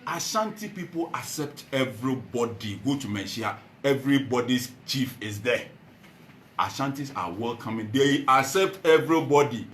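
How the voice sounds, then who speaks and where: A man with a Ghanaian accent speaks to a meeting in a rousing political speech. His pitch swings widely as he shifts from loud calls to low, earnest tones. The room sounds echoey, with faint ambient noise behind him. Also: lively intonation, normal speed. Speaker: party founder addressing a meeting.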